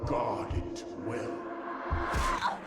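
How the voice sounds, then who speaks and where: An actor voicing an ancient dying corpse god, solemn and slow in his pronouncements. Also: over loud music. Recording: distant echoey game audio with noise.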